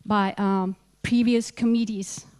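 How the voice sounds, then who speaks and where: A woman introduces herself to a panel in careful, pausing English. Her voice is smooth and clear and stays fairly level. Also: mid-range voice, fairly even intonation, darkish tone. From Colombia. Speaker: panel member, lawyer. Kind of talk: formal self-introduction at a ministerial meeting.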